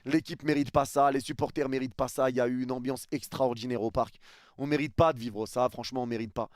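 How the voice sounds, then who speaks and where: A man's voice: mid-range voice, steady tone, fast, no room sound. Impassioned football fan man, dry sound. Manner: impassioned, exasperated ranting to viewers; slangy, calls viewers brothers. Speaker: football fan reacting to a match. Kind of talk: heated post-match reaction.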